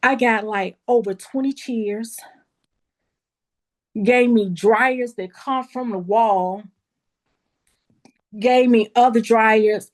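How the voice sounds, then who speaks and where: A woman's voice: a little high, slow pace, pauses often. A woman who owns a beauty school, telling her story with feeling, talking straight to the group as y'all. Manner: animated storytelling, addresses listeners as y'all. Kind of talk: emotional testimonial storytelling.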